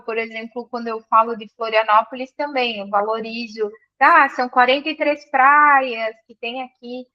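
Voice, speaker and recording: Speaking in lo-fi audio, a high-pitched woman with a gaúcho accent from Serra Gaúcha, Rio Grande do Sul, Brazil, appears as an interview guest and business mentee. She talks reflectively, repeating phrases for emphasis.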